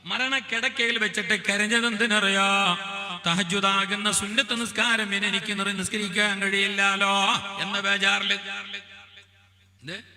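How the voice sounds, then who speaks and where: A male Islamic preacher, delivering a sermon in a melodic sing-song chant that drops to quiet asides. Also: high-pitched, level tone, unhurried, long pauses. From Kerala. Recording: reverberant hall with long echo.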